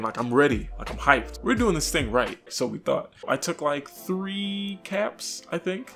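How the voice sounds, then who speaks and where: A young man telling a story casually to camera in an expressive, slangy way, acting out reactions. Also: fairly high pitch. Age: young adult. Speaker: vlogger. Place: small furnished room with couch, indoors. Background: music.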